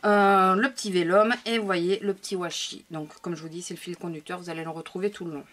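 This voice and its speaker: A scrapbooking vlogger from France casually shows her craft album to viewers, chatting hesitantly with lots of fillers and restarts. Her voice is lowish and fairly bright, with fairly even intonation and a fairly quick pace.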